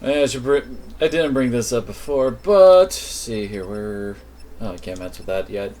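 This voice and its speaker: A man's voice: mid-range voice, moderate pace, a little mellow, a little hiss or hum. A man streaming a game with casual commentary and wry, sarcastic asides.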